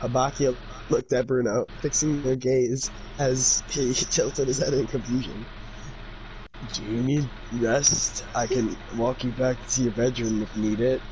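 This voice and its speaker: A man's voice: mid-range voice, fairly even intonation, measured pace. A young man reading fan fiction aloud casually and comically, breaking off into sweary asides. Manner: jokey, easily sidetracked, swears. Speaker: amateur fan fiction reader. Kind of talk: casual comedic read-aloud with joking asides. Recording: noisy amateur recording with room ambience.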